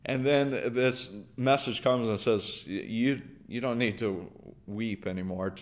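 A man's voice: medium pitch, takes it slowly. A man preaching a sermon, earnest, building through repeated phrases and questions. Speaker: pastor.

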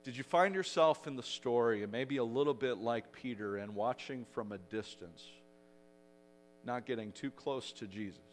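A male pastor preaching a sermon in a mid-pitched voice. He retells the story dramatically, swelling louder for the shouted lines. A faint electrical hum sits under the recording. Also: moderate pace. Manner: dramatic storytelling, rising loud for quoted shouts.

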